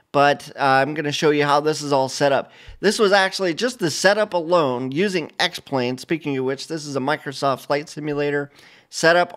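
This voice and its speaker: A middle-aged man hosting a casual flight simulator video, talking over a screen share in a relaxed, rambling way full of fillers and restarts. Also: a little high. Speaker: flight sim channel host. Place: home studio, indoors.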